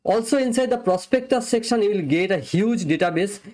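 Young man, high-pitched voice, software demo, step-by-step explaining, close webcam mic. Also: expressive, brisk. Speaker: software reviewer. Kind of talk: screen-recorded software demo. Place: small indoor room, webcam overlay.

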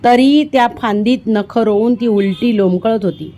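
Expressive woman reading a folk tale aloud. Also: moderate pace. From India. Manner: expressive, voices the dialogue with rising pitch in tense moments. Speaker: audiobook reader. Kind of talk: storybook narration.

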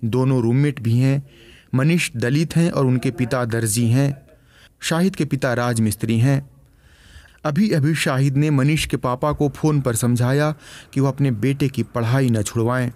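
A man narrating a news documentary in a measured, formal storytelling voice. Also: mid-range voice, a little mellow. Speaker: reporter narrating.

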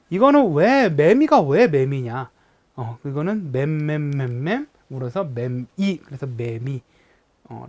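A young adult language teacher giving a recorded lesson who explains slowly, with many hesitant fillers, and imitates sounds to illustrate words. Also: mid-range voice.

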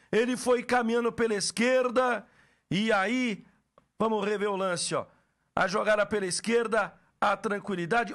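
A Brazilian man doing explosive football goal commentary, excited, with drawn-out shouted calls. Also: extremely high pitch.

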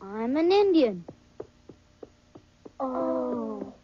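A woman performing a short comic dialogue with a slow, playful back-and-forth delivery. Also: high voice, very animated, background noise, exaggerated voice. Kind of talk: comedy sketch dialogue. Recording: dull lo-fi dry sound.

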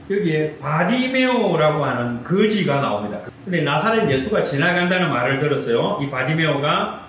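A man's voice: high voice, far from the mic, a little hiss or hum. A man preaching a sermon as pastor, asking the congregation questions and answering them himself. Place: church sanctuary. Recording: echoey hall, mic from afar.

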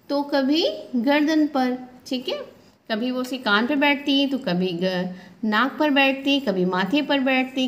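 A young woman teacher who reads a story aloud to children, then explains it again and asks the class questions. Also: high-pitched. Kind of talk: storytelling lesson, reading a textbook to children.

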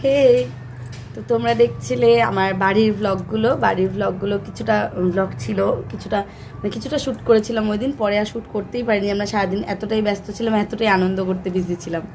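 A woman's voice: medium pitch, fairly even intonation, a little fast, darkish tone, a little hiss or hum. A young woman from Bengal vlogging in a casual, rambling way with many fillers and restarts. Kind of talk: casual chat to camera.

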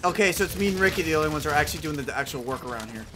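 A man hosting a casual gaming session with friends, loud and excitable, trash-talking and swearing into his gaming mic. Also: fairly high pitch, very fast, noisy background. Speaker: host playing an online shooter with friends. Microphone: headset or desk mic at a gaming setup.

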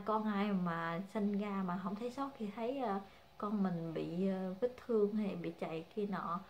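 A young woman chats to her viewers as a mother. She pauses often and fills the gaps with soft fillers as she goes. Her voice sits mid-pitched, with a faint ambient hiss behind it. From Vietnam. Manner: hesitant, many fillers, calls viewers family. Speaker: vlogger, mother. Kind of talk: casual chat to viewers.

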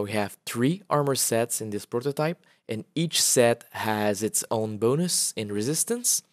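A man's voice: medium pitch, no room sound. Man, game dev demoing his prototype, easygoing, fills gaps with "uh", dry close recording. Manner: relaxed, with frequent "uh" fillers. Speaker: indie game developer. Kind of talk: casual gameplay walkthrough.

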